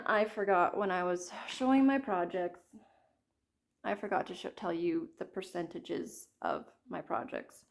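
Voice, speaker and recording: A woman in her thirties with a medium-pitched voice, a little croaky from a cold, chats casually to camera about her cross-stitch projects. She rambles and apologizes frequently.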